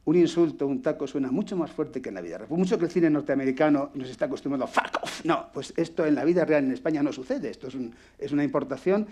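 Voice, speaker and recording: Blunt, foul-mouthed Spanish workshop teacher. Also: male voice, fairly high pitch, lively intonation, fast, few pauses, dark tone. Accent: Peninsular Spanish. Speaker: radio acting workshop instructor. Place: workshop room with microphone.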